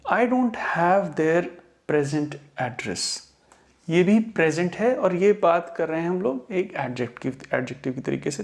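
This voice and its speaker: A young man teaching English pronunciation in Hindi, slowly sounding out example words and sentences. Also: fairly high pitch, creaky, darkish tone. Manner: slow, careful word-by-word demonstration. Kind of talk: explaining lesson in Hindi.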